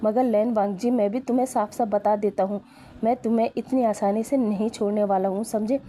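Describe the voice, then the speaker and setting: A woman's voice: mid-range voice, steady tone, a little fast, mellow, slight background noise, natural voice. A woman voicing a theatrical young man who pleads and schemes. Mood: defiant.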